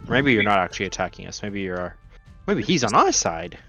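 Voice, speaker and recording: A man's voice: on the low side, sing-song, brisk, vocal fry, bright, forceful tone, highs cut off, faint music behind. A man chatting casually as a player in a tabletop fantasy game.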